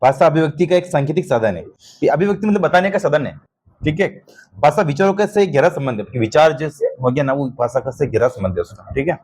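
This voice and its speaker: A man from Rajasthan lectures an exam-prep class in a somewhat higher, darkish, slightly rough voice. Expressive and patient, he teaches repetitively, keeps asking quick checking questions, and calls his students "beta."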